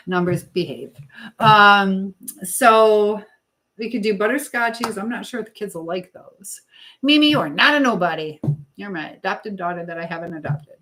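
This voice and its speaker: Here the audio is poor, carrying a sharp-toned, medium-pitched female voice at a measured pace. She's a middle-aged American from Michigan, casually hosting a livestream and encouragingly answering comments as she reads them. Her talk is chatty and leaps between topics mid-thought.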